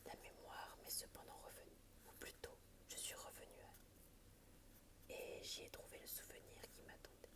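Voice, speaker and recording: A woman reads a book aloud in a soft, unvoiced library whisper, in an ASMR style. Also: normal speed. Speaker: ASMR reader.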